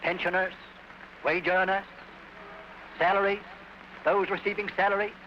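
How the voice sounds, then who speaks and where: An old newsreel recording of a man delivering a solemn, emphatic public address. His voice sits a little high, and the sound is muffled with a faint hiss running underneath. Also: level tone. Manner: grave, deliberate, emphatic oratory. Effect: old newsreel archive sound. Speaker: public speaker addressing the nation. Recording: dull hissy early sound-film recording.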